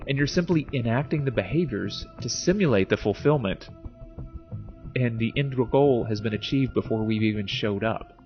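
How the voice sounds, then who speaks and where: In a muffled recording, a man speaks in a mid-range voice at a moderate pace. He hosts a casual video essay, explaining philosophy and reading it out theatrically and emphatically while music plays behind him.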